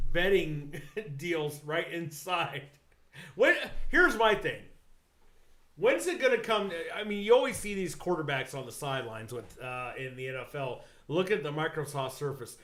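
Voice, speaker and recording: A man's voice: fairly high pitch, lively intonation, unhurried, a bit bright. Profane rambling sports-talk man, echoey room. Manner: rambling, profane, laughs often. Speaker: podcast co-host.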